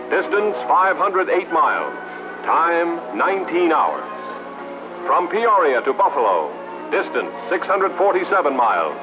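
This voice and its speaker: A 1950s-style American male narrator delivers a scripted promotional film with formal emphasis. His pitch is fairly high and swings in lively fashion from phrase to phrase. The soundtrack is dull and vintage, with loud music playing behind him. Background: loud background music.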